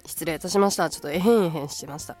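Woman host, lowish voice, stuffy nasal tone from a blocked nose, chatty, many fillers, faint music under her. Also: rapid-fire, a little mellow. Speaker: radio show host. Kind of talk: casual solo podcast radio talk.

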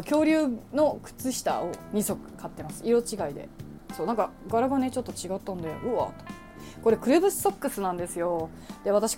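A woman's voice: mid-range voice, darkish tone. A young woman chatting casually about her shopping, adding playful sound effects. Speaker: vlogger. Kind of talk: casual shopping haul vlog.

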